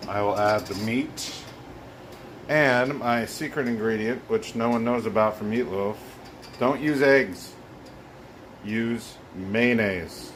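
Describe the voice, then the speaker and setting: A man talking casually through his home cooking in a giggly, loose, tipsy ramble. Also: fairly low pitch. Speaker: home cook recording a cooking video. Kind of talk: casual cooking vlog talk. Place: home kitchen, indoors. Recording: clear background hum of air conditioning.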